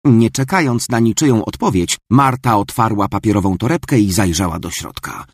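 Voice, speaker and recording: A man reading a children's story aloud with expressive, storytelling delivery. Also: fairly low pitch, normal speed, slightly rough, no room sound, clean studio sound. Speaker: narrator.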